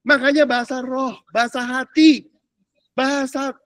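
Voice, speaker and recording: A pastor with an extremely high, fairly bright voice speaks at normal speed in a level tone, captured in a dry recording. Teaching a discipleship class in an informal, chatty way, he mixes in casual Jakarta slang and English words and keeps asking whether his listeners follow.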